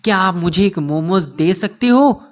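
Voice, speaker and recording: A man doing a gentle pleading small boy. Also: high-pitched, animated, unhurried. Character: poor eight-year-old boy, gentle and devoted.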